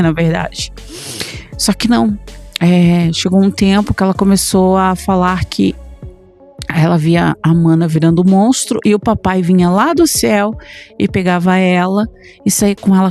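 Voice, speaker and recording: A woman with a Brazilian accent tells a personal supernatural account about her young daughter in a halting, conversational way full of fillers. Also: mid-range voice, darkish tone. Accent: Brazilian Portuguese. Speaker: mother telling a personal account.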